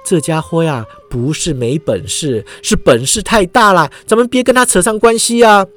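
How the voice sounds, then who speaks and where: A man's voice: high-pitched, moderate pace, a bit bright. A man voicing an eager male bystander who gossips in a chatty, conspiratorial way. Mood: gossipy.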